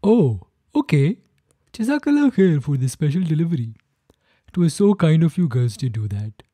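A woman's voice: sits low, sing-song, moderate pace, slightly rough, no echo, studio quality, pitched below the performer's own voice, full character voice. A woman voicing a cheerful elderly man, a kindly neighbor uncle who gives blessings and chuckles in a children's story. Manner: warm blessing-giving, chuckling.

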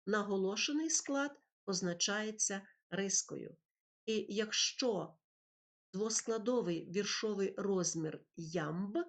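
A woman teacher narrating a lesson over slides, speaking slowly and clearly as she explains poetry and meter. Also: medium pitch. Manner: slow, clear, explanatory delivery with recited verse.

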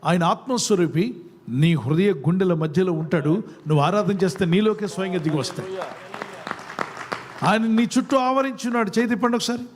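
A man's voice: high voice, fairly quick, some chatter behind, a little hiss or hum. A man preaching a sermon to a congregation, asking questions and urging them to answer aloud. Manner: call-and-response, quizzing the congregation. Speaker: pastor. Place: church service before a congregation.

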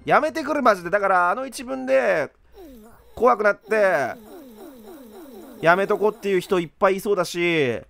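A young man doing let's play commentary, rough-talking and exasperated, laughing often. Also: high voice, animated, moderate pace, pauses often, fairly bright tone, soft background music. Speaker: game commentator.

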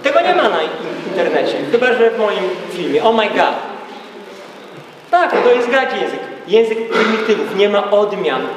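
High-voiced man lecturing in an echoey hall. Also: sing-song, brisk, hardly any pauses, recorded from a distance, noisy background. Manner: emphatic, rhetorical questions. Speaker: speaker at a gathering. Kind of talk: lecture to a live audience.

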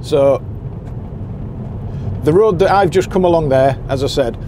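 His warm voice leans high and moves at a measured pace. As a guide to anglers for a boat skipper, he drives and offers friendly, practical directions in a casual running commentary, with car and road sounds in the background.

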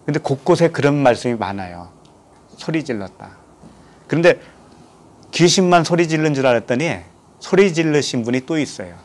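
A man's voice: on the high side, lively intonation, moderate pace. Korean male pastor preaching a sermon. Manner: asks the congregation questions and reads scripture aloud.

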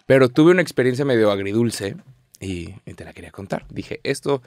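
A young man with a Mexican accent, co-hosting a podcast in a casual, slangy, animated way. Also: fairly low pitch, brisk, dry recording. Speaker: podcast co-host. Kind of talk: casual chat.

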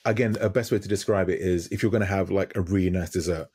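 A man's voice: low-pitched, fairly even intonation, quick pace, a little mellow. A man in his thirties, a guest DJ, talking in a casual podcast interview over a video call, reflective and searching for words. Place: home room with lit wall.

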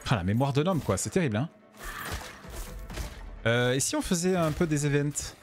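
A man chats through his gameplay stream from home, sounding tired and stumbling over his words now and then. His pitch swings widely as he reacts. Faint music plays behind him. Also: lively intonation, normal speed. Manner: chatty, talks to viewers, stumbles over words. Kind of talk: casual gameplay commentary.

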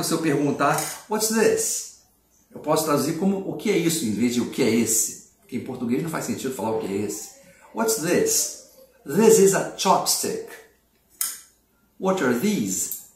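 A middle-aged man teaches a relaxed video lesson and lays out each point patiently and clearly. His voice sits a bit high for a man. It carries the echo of a room and sounds set back from the mic. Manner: clear, patient explaining with slow model sentences. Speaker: English teacher. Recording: echoey room, mic at a distance.

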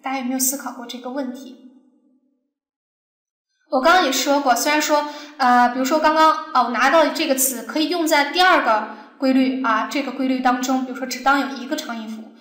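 Female teacher, high voice, patient step-by-step lesson delivery with questions to the class; echoey room. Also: steady tone, brisk, a bit bright. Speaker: Arabic teacher. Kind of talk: recorded language lesson.

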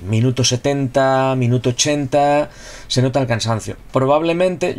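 A man with a gravelly, slightly creaky voice at an ordinary pitch talks through a football game card review. He keeps it casual and chatty, circles back to his points and tosses in rhetorical questions. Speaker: gaming YouTuber reviewing a player card. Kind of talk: casual video review commentary.

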